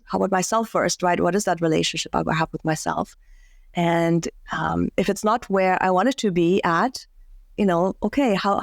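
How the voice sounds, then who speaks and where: A woman's voice: lowish voice, gravelly, no room sound. A woman from Germany, a career and life coach, talking reflectively as a podcast guest, with many restarts and fillers.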